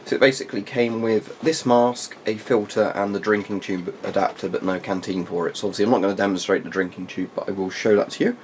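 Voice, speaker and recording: A man with a fairly low voice talks through a product review off the cuff. His explanations are informal and wander into asides. A little noise sits behind the voice. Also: steady tone, quick pace, hardly any pauses. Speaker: military surplus gear reviewer. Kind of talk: casual unscripted product review. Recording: faint background noise.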